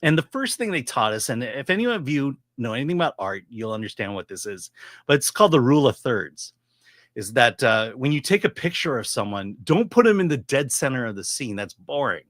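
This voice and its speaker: Middle-aged man, mid-pitched voice, casual film commentary, halting and opinionated, very dry recording. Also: sing-song, fairly bright tone, dry recording. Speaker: film reviewer.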